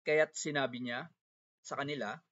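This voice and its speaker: A male evangelist leading a Bible lesson, opening with a prayer and reading a scripture passage aloud with careful, measured delivery. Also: medium pitch, fairly even intonation, a bit bright. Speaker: evangelist teacher. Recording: slightly dull lo-fi sound.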